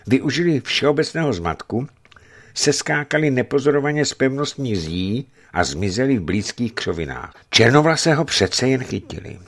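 A man narrating a novel as an audiobook, telling it in a dramatic, expressive way. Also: fairly low pitch.

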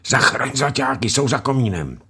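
A man reading a story aloud, voicing a calm, resigned charcoal-burner father. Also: medium pitch, creaky, breathy edge, pitched above the performer's own voice, exaggerated voice. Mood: steadfast. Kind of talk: audiobook reading.

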